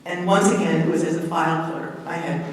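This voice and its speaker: A woman in her eighties from Brooklyn, New York, with a Brooklyn accent, tells stories as a guest speaker in a library hall and laughs as she goes. Her low voice has little pitch movement and moves fairly quickly, recorded in an echoey hall far from the mic.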